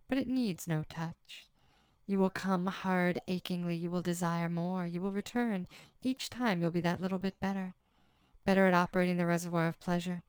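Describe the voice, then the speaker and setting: Slow, commanding woman hypnotist. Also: lowish voice, smooth, no echo. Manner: slow, soft, repetitive trance-inducing delivery; authoritative, commanding. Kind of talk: scripted hypnosis recording.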